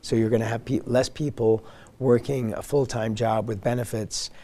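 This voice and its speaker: A man with a deep, croaky, froggy voice, speaking as the host of a broadcast interview show. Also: steady tone, normal speed, warm tone.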